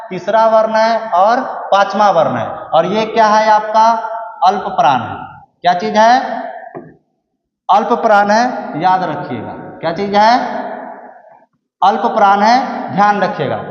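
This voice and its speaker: High-voiced man teaching grammar, echoey. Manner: asks the class questions and answers them himself, repeats key words. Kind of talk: grammar lesson. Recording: echoey room, muffled lo-fi sound.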